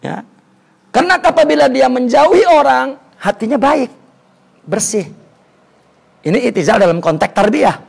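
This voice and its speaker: A man's voice: very high-pitched, expressive, normal speed, vocal fry, pauses often, breathy edge. A man teaching a religious study lesson, telling stories, repeating words for emphasis and reciting Arabic before explaining it.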